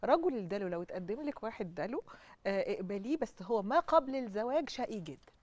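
This is an Egyptian woman appearing as a guest astrologer on a studio talk show. She talks at a very rapid clip and lays out her points confidently, one after another. Her pitch sits in the middle range. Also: animated, a little mellow, no echo. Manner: explains confidently in lists.

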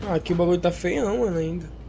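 A man's voice: high voice, fast, vocal fry. Slangy young man from Brazil. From Amapá, northern Brazil. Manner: slangy, excitable, bursts of loud shouting. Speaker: streamer. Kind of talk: casual gaming chat with a teammate. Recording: noisy game stream audio.

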